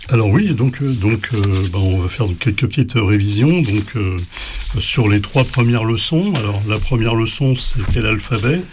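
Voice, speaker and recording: Male teacher, casual spoken lesson, halting delivery, faint hiss with clicks. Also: fairly low pitch. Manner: hesitant, many fillers and restarts. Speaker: language teacher.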